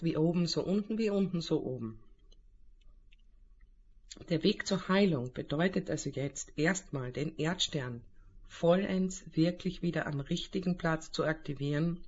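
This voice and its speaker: A man leading a guided spiritual meditation in a calm, soothing, unhurried way with long pauses. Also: fairly high pitch, breathy edge, muffled recording.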